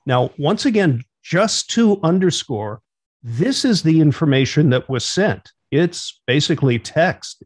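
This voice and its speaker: Over a video call, a middle-aged man serves as host and net control operator for an instructional radio net, keeping things orderly and procedural from a small room at home. His pitch is medium, and the recording is dry and studio quality.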